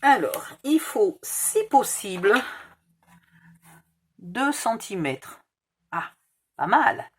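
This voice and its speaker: Slow-talking Provençal woman doing crafts. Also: medium pitch, very animated, noisy background. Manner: muttering measurements, self-correcting. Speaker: craft tutorial host. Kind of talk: casual crafting tutorial, thinking aloud.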